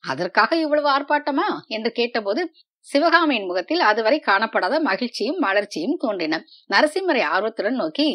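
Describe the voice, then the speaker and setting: A woman narrating a historical novel aloud in a measured, expressive reading. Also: on the high side. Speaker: storyteller. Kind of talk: storybook narration.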